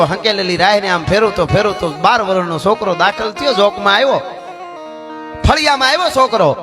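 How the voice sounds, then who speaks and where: A man telling a folk story in a dramatic storytelling style, dropping low and rising high as he narrates. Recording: music playing behind.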